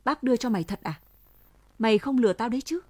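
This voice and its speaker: A frightened young village man speaks in blunt, halting bursts, as a woman reader puts him on. His words come short and uneasy, recorded close in a dry space. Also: a little high, dry recording, natural voice. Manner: scared, hesitant, rough familiar speech.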